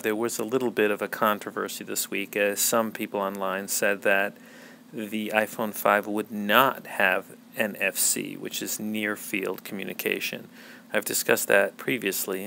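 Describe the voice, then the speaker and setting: Gravelly low-voiced man hosting a tech podcast. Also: pushed and bright, a little hiss or hum. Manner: rambling, many fillers and restarts. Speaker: podcast host. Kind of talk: casual tech news commentary.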